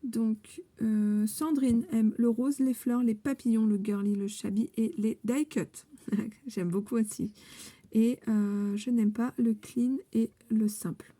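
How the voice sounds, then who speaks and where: Mellow, breathy woman showing crafts. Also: fairly high pitch, fairly even intonation, slow pace, dry recording. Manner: enthusiastic, repeats her praise, many hesitations; handles paper and crafts while talking. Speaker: scrapbooking vlogger. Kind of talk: casual show-and-tell vlog.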